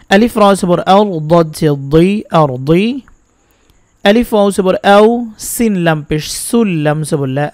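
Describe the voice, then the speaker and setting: A man teaching Quran reading who spells out each letter and vowel slowly, then explains the pronunciation rules. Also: high-pitched, darkish tone, no room sound, clean studio sound.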